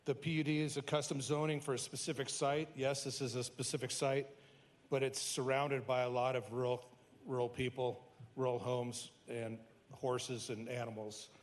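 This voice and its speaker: A man of middle pitch speaks as a resident during public comment. He makes his case earnestly and in a measured way, often restarting his sentences. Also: little pitch movement.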